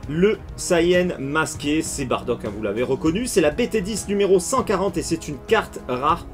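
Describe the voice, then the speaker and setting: A man giving casual unboxing commentary as a card collecting video host, breaking into excited exclamations over each card. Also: on the high side, normal speed, soft background music.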